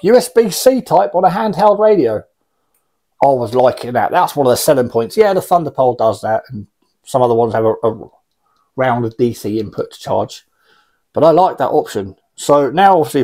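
This man in his forties is a radio hobbyist doing an unboxing, chatting informally and wandering off track during a hands-on demo in his small indoor radio room. He has a medium-pitched, mellow voice with some vocal fry.

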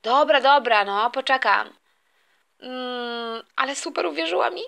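A woman's voice: sits high, unhurried, vocal fry, fairly bright tone, heavily acted. A woman voicing a whiny, scheming young boy who doesn't want to go to kindergarten, in a toy play story. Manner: whining, complaining, stammering.

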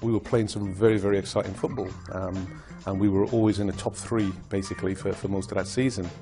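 An older former footballer speaks in a fairly low voice, calm and reflective as he recounts his playing years. Soft music plays faintly behind him in this documentary interview. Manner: reflective, measured storytelling.

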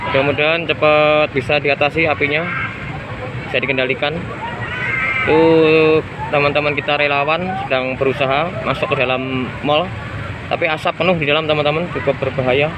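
The recording is muffled, with loud street noise, as a citizen reporter vlogger reports live on his phone from a busy street where a mall is burning at night. His voice is a little high, his intonation fairly even, and his pace moderate. He tells viewers what he sees in an urgent, repetitive way.

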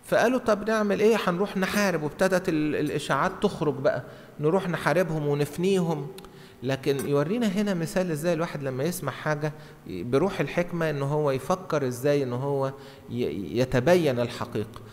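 Speaking fast at a fairly high pitch, this middle-aged Egyptian Arabic-accented priest delivers an explanatory Bible teaching sermon at the lectern of a big church. His style is conversational, with acted-out dialogue and short repeated phrases for emphasis, captured by a gooseneck microphone amid the hall's reverb.

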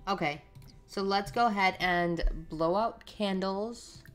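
A woman with a medium-pitched, a bit bright voice hosts a let's play of a life-simulation game, speaking slowly. She gives casual running commentary and chats to the characters on screen while soft music plays in the background.

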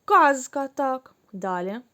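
A woman teaching young children, speaking slowly and clearly, drawing out the syllables. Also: high voice, lively intonation, pushed and bright. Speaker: kindergarten teacher. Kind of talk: recorded online lesson for young children.

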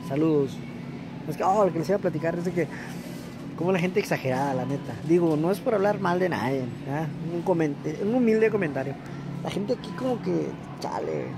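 A Mexican man talking casually to his vlog audience, his voice gravelly and pitched a little high. He rambles and fills his pauses with filler words. He is recording on his way to work and at a store. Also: expressive, background noise. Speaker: vlogger.

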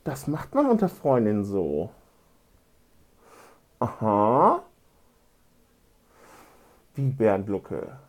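A man's voice: on the low side, wildly swooping pitch, extremely slow, pauses often, a little mellow. A man doing a rambling comic phone monologue, grumbling indignantly and tagging almost every phrase with a questioning "ne". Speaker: comedian in a fake phone call. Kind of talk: comedic monologue and one-sided phone call.

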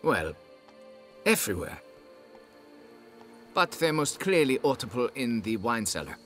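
A pompous, haughty nobleman in a fantasy role-playing game, who looks down on the hired help and fusses over his title. His voice sits mid-range but swoops about with theatrical, lively pitch. Faint music plays behind him. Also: measured pace. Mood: grudging. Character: pompous snobbish middle-aged male nobleman, vineyard owner. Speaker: client hiring a witcher.

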